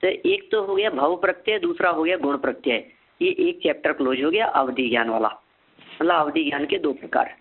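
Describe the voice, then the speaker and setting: A man teaching a scripture lesson, asking and answering his own questions and repeating key terms slowly so they can be memorized. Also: on the high side, big pitch swings, slightly rough. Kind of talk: scripture lecture. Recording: phone-like narrow sound.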